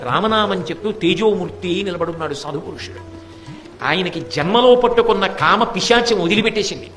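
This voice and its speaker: High-voiced man telling a devotional story. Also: brisk, a bit bright, faint music behind. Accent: Telugu. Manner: dramatic storytelling, voicing the characters in quotes.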